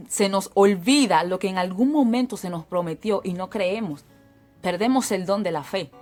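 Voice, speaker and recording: A woman teaching a Bible story. She reads scripture aloud and explains it in a conversational preaching manner. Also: mid-range voice.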